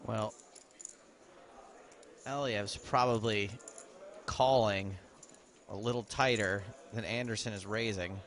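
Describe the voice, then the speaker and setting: A man's voice: on the low side, steady tone, slow, pauses often, a bit bright. A man with a cold giving casual poker commentary in a joking, wry way. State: has a cold.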